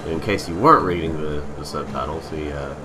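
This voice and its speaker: A man's voice: rumbling low, fairly quick. A man hosting a casual let's play in a hesitant, rambling, self-deprecating way, sounding slightly distant from the microphone. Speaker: host of a gaming video series. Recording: slightly far from mic, music behind. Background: video game music.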